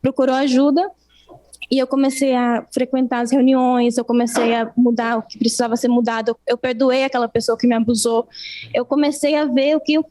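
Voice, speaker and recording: A young woman giving an earnest personal testimony in an interview, speaking haltingly with many restarts. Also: a little high, level tone, warm tone.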